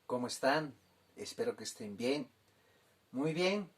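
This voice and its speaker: Slow, patient language teacher man. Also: medium pitch, lively intonation. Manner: slow, patient, repeats phrases and asks "¿ya?". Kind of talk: online language lesson.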